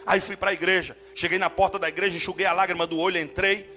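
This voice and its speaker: High-voiced guy preaching a story sermon in church, gets fiery and loud, faint music under it. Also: level tone, quick pace. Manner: fervent, builds to shouting. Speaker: guest preacher. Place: church service.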